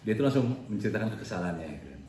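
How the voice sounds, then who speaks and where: A man's voice: lowish voice, sing-song, very fast, a little mellow. A man in a casual chat, speaking bluntly and jokingly, giving advice. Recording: echoey room, a little distant.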